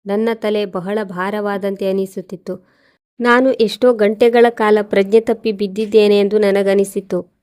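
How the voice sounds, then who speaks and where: A woman reading a first-person moral story aloud in a steady, even way. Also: medium pitch, measured pace, clean tone.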